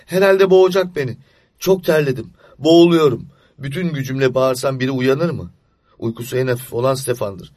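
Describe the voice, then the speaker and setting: A man's voice: mid-range voice, brisk, a little mellow, no echo, studio quality, pitched above the performer's own voice, natural voice. A man reading an audiobook story, voicing a frightened young boy who lies awake at night in a breathless, panicky inner monologue. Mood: panicked.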